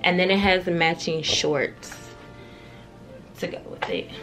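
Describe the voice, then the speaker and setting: A young woman with a lowish, slightly bright voice speaks slowly and steadily, vlogging a fashion try-on from a carpeted bedroom. She chats casually and candidly, using slang and swearing, with music playing in the background. The recording is rough.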